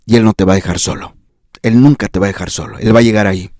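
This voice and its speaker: A man preaching a fervent sermon as a pastor, repeating phrases and rising sharply in pitch for emphasis. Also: fairly even intonation, quick pace, a little mellow, no echo, clean studio sound. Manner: fervent preaching with repetition and sudden pitch rises. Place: church.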